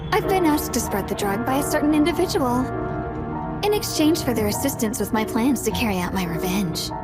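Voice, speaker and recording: A woman's voice: a little high, a little fast, lightly acted. A woman playing a cold scheming revenge-driven noblewoman. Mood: coolly menacing. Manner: calm, polite and menacing. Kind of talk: anime dub acting. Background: background music.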